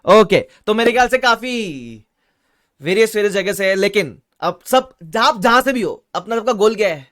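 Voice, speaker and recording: Energetic Mumbai man teaching live. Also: high-pitched, moderate pace, no room sound, clean studio sound. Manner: energetic, mixing Hindi and English; reads viewer chat aloud. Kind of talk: live-streamed online lecture.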